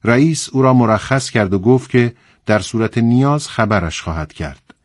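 A man reading a book passage aloud on a radio program, with calm, measured storytelling. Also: mid-range voice, no echo, studio quality.

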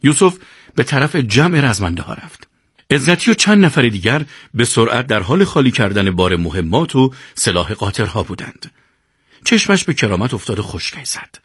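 A man narrating a war story as an animated storyteller. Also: mid-range voice, husky, no echo, studio quality. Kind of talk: scripted audiobook narration.

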